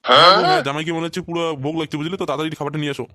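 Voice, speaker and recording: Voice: medium pitch, rapid-fire, pushed and bright, no room sound, clean studio sound, pitched below the performer's own voice, natural voice. A performer voicing a worried, welcoming older father-in-law in a cartoon who repeats his words. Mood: fond fussing. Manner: repeats words, anxious fussing.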